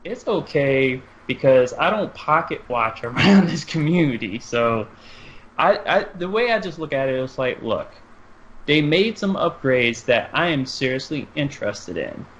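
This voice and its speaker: Measured man on a lo-fi podcast. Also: medium pitch, big pitch swings. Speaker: podcast co-host. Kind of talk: casual chat. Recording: dull lo-fi sound, faint noise.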